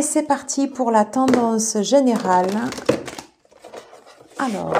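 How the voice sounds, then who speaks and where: A woman giving a casual tarot reading to her viewers, soft-spoken and peppered with fillers like "voilà" and "alors". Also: medium pitch, background noise. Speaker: tarot reader.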